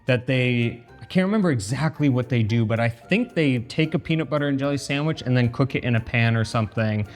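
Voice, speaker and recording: A man's voice: mid-range voice, fairly quick, few pauses. An American man chatting casually and informally to camera as a vlog host, in an echoey empty kitchen. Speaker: channel host. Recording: echoey empty room, faint music.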